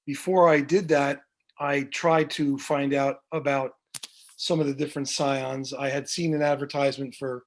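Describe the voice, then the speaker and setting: Speaking over a video call, a middle-aged music director guesting on a video podcast spins out long stories, stumbling through many fillers and restarts. He has a medium-pitched voice with a level tone and moderate pace.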